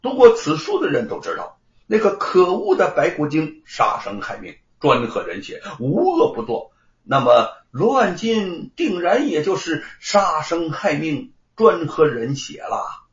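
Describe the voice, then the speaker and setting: A man voicing a clever young scholar in an audiobook story, arguing in a pointed, deliberate way. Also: on the high side, wildly swooping pitch. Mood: pointed, triumphant. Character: clever young male scholar, quick-witted. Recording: roomy, slightly dull recording.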